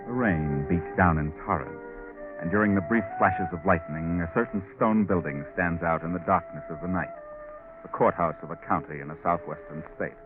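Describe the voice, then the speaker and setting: Man acting an ominous storyteller, deep pitch, theatrical, 1940s radio narration, thin phone-like sound. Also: normal speed, lightly acted. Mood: grave, suspenseful. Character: the Whistler, ominous mysterious male storyteller who walks by night. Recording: tinny 1940s radio broadcast. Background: music.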